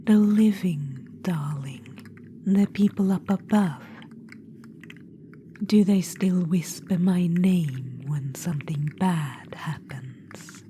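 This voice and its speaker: In an ASMR roleplay, a woman whispers as a vain, imperious undead witch queen of ancient age, murmuring low and unhurried. Her wistful hush is teasing and condescending, and she likes to call the listener darling. A steady hiss runs beneath her soft whisper.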